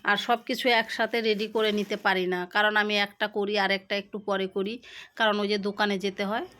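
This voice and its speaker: A middle-aged woman vlogging about her day at home, talking slowly and haltingly with pauses while she has a headache, filmed on a phone set down nearby. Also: medium pitch, flat delivery, fairly bright tone. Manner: slow, halting talk with pauses. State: unwell with a headache. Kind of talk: casual daily-life vlog. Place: home kitchen and village shop.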